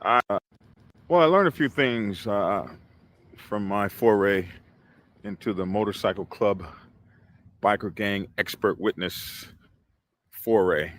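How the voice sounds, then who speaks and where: A man hosting a biker news stream, his own played-back video echoing each phrase a second time, talking in a halting way that repeats words. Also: on the low side. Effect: his own video played back on the stream, each phrase heard again as an echo. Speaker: host of a biker news show. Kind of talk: casual livestream talk.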